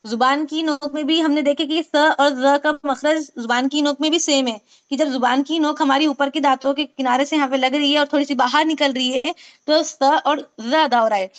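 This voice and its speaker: A woman with a high, light voice leads an online recitation class over a video call. She explains each point patiently and repeats sounds again and again so her students can drill them. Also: fairly even intonation, moderate pace. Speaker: Quran recitation teacher.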